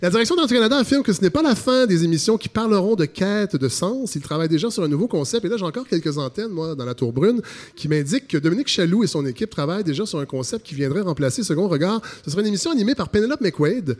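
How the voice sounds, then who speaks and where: A man's voice: sits high, expressive, quick pace, a little mellow. A man, hosting a podcast and delivering satirical news commentary in a mock-serious, ironic way with many hesitations. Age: 40s. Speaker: podcast host.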